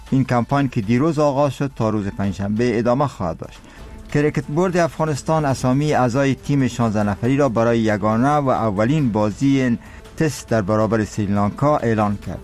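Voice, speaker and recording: A man's voice: lowish voice, a little mellow. A man with an Afghan accent reads a scripted news bulletin in a solemn, formal manner. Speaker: radio newsreader. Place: radio studio.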